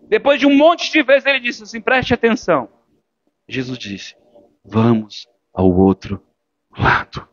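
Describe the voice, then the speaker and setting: A man preaching a sermon as a pastor, swinging between forceful exhortation and hushed, intimate speech. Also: sits high, measured pace, no echo. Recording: dull lo-fi church recording with faint music.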